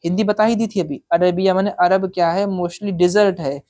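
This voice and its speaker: A woman teaching an exam-prep English lesson. She reads English sentences out slowly, explains each one in Hindi, and keeps checking in with the listener. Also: on the low side, fairly even intonation, dark tone.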